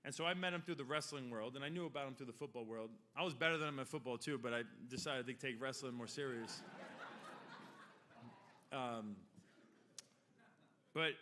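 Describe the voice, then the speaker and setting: A 40-something hall of fame inductee from Long Island, New York addresses a ceremony hall through a podium microphone. His voice leans high and sounds bright and forward. He rambles through his acceptance remarks, mixing jokes with heartfelt moments.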